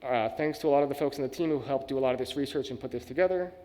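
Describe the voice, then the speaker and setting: A man's voice: medium pitch, dark tone. A man giving a technical conference talk and answering questions, speaking casually with many "like"s. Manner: casual, quick, uses "like" and "sort of" often. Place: conference hall. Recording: reverberant conference hall.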